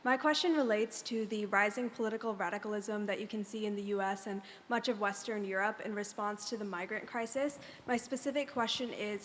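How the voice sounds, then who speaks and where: A woman's voice: medium pitch, slight background noise. A teenage female student asking a composed, precise question in a large auditorium. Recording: reverberant lecture hall.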